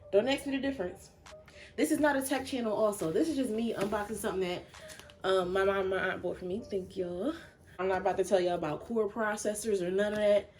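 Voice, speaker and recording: A young woman chatting excitedly and a bit breathlessly while unboxing a new laptop for her vlog. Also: mid-range voice. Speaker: vlogger.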